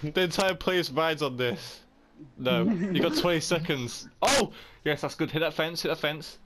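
A man in excited gaming chat, shouting and cheering his friends through a race until he is out of breath. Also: fairly high pitch, measured pace. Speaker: gamer on voice chat.

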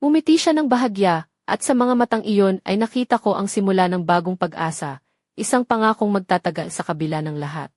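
A woman's voice: mid-range voice, brisk, a little mellow, dry recording, clean studio sound. A woman narrating a dramatic first-person story from a script in a heartfelt, emotional way.

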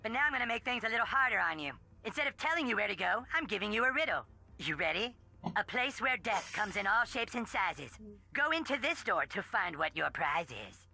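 A scheming male kidnapper in a cartoon game, taunting in a gravelly, rough voice. The tone is very bright and cutting, like a gloating bully on the line. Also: medium pitch, big pitch swings, fairly quick, exaggerated voice. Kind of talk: video game voice acting.

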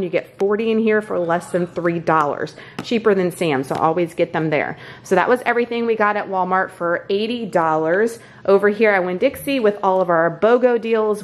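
A lowish-voiced woman chats upbeat and casually with her viewers about a grocery haul in her kitchen, with slight background noise behind her.

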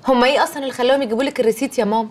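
A woman's voice: high voice, steady tone, racing, a little hiss or hum, close to an everyday voice. An actress with an Egyptian accent playing a young wife who coaxes her husband and soothes her mother. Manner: coaxing, soothing, mildly reproachful. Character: chatty young wife, coaxing peacemaker. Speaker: wife and daughter.

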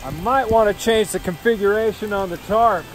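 Talking to camera at normal speed in a high voice, a middle-aged man records an outdoor vlog from his forest camp on a mountain lake, phone at arm's length. Music runs in the background while this solo backpacker shifts from relaxed to excited during the storm.

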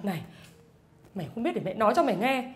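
A woman's voice: expressive, fast, close to an everyday voice. A woman playing a scornful, scheming mother-in-law who nags and wails melodramatically. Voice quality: shrill, scornful, melodramatic wailing. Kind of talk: web drama acting.

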